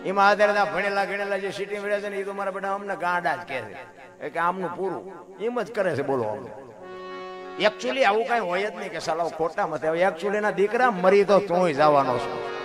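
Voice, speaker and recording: A man delivers an animated folk sermon from a stage, speaking straight to his listeners. His voice sits high for a man and leaps into loud bursts. Musical instruments play clearly behind him throughout this live recording. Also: brisk, over music. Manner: animated, calls listeners 'bapu', sudden loud rises. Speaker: folk storyteller. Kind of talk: folk storytelling sermon before an audience.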